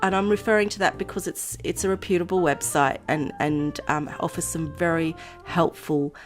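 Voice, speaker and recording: A woman with a low voice, nasal and a little hoarse from a cold. She talks in a loose, rambling chat with frequent laughs, as if to friends on her channel. Faint music plays softly behind her. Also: steady tone, moderate pace. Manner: chatty and rambling, laughs often. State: voice going hoarse. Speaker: vlogger. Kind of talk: casual chat to camera.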